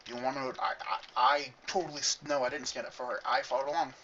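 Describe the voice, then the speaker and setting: A man's voice: medium pitch, steady tone, rapid-fire, bright, forceful tone. A young man with a lisp, vlogging in a rambling, earnest way with self-mocking asides, from a room at his gaming computer. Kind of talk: casual confessional monologue. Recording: dull, distant mic with faint hiss.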